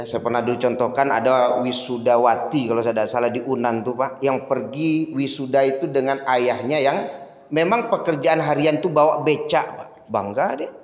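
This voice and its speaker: A man with a Minangkabau accent giving a sermon. He keeps calling on his listeners as Pak and Bu and drives his points up to high, emphatic peaks. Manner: addresses the audience as Pak and Bu constantly, swings to high emphatic peaks. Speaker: preacher. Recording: echoey hall with long reverb.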